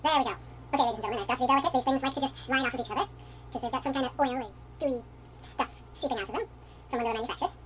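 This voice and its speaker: A man putting on a voice for an excitable, fussy male showman who theatrically scolds his building pieces. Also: extremely high pitch, racing, slight background noise, voice pushed up. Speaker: vlogger.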